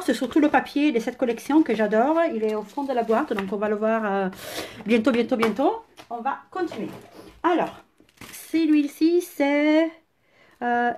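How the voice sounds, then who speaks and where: A woman with an Italian accent chatting enthusiastically through a casual live-stream unboxing, often pausing on "euh", recorded on a phone camera indoors at home. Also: fairly high pitch, darkish tone. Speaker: crafting product demonstrator.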